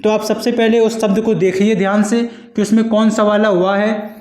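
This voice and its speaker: A male teacher giving a patient exam-prep Hindi lesson, repeating each point and sounding out syllables slowly. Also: high-pitched, flat delivery, darkish tone, echoey room.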